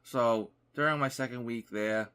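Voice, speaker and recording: A man's voice: mid-range voice, measured pace, bright, forceful tone, clean tone. A young man, a gaming YouTuber, casually telling a rambling story over gameplay and filling his talk with "like.". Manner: rambling, lots of "like" fillers.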